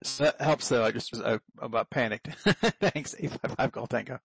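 Creaky male pilot on cockpit headset radio. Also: mid-range voice, normal speed, no room sound. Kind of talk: aviation radio calls.

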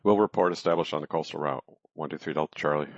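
A man with an extremely low, deep voice talks over a cockpit headset radio, clipping through standard aviation calls and readbacks. The sound is dull and lo-fi, very dry and close, like a transmission from the cockpit. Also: quick pace, no room sound. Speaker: private pilot. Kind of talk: radio calls to air traffic control. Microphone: headset microphone.

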